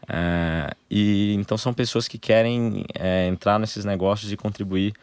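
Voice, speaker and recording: A young man with a Brazilian Portuguese accent, his voice sitting very low. He talks as an interview guest in relaxed conversation, laying things out in short, halting phrases. The sound is close and dry, with no room in it. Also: smooth, dry recording. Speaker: interview guest, angel investor group member.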